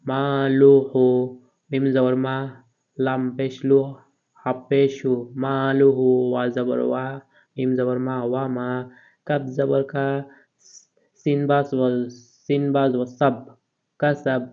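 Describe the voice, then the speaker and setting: A man teaching Quran reading moves letter by letter through each verse, naming every vowel mark before he stretches the recited words. His voice stays level and unhurried throughout. The recording sounds somewhat muffled and lo-fi. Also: medium pitch.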